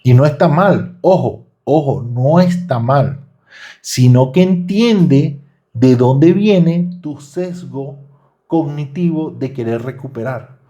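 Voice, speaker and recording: A man teaches a live online class in a lively way, often breaking off to question his students. His voice sits somewhat high and sounds warm and mellow. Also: takes it slowly, muffled recording. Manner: animated, rhetorical questions to students. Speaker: trading instructor.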